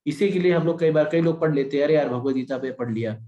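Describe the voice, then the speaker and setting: A man's voice: fairly high pitch, quick pace, highs cut off. Man teaching scripture, echoey room. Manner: animated, asks and answers own questions. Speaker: Gita teacher. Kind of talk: devotional scripture class.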